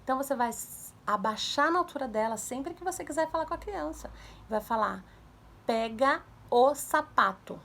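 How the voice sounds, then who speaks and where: A young woman casually giving parenting advice to viewers, animated, acting out commands in a raised voice. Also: sits high, brisk, vocal fry. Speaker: mother sharing parenting tips.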